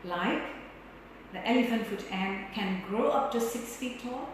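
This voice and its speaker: A woman coaching public speaking in an instructional talk, with an emphatic, projected, deliberate delivery and non-native English phrasing. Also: mid-range voice. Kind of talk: instructional talk on giving speeches. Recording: very echoey hall, distant mic, faint noise.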